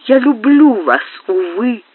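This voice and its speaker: A woman's voice: medium pitch, big pitch swings, measured pace, no echo, voice pushed up. A woman reading an audiobook, voicing a proud, anguished young countess in an impassioned, pleading manner. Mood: passionate. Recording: tinny narrow-band dry digitized tape.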